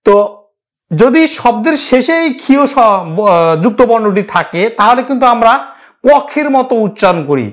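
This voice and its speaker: A woman teacher giving a pronunciation lesson, explaining step by step, repeating each word slowly and speaking straight to her students. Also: a little high, lively intonation. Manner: addresses the class directly.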